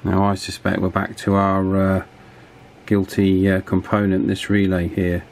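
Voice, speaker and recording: Low-pitched and a little mellow, this man's delivery is monotone and measured as he casually demonstrates a hands-on electronics repair, thinking aloud with occasional hesitation. The setting is a small indoor office workshop, and a table fan blows audibly behind a clear recording.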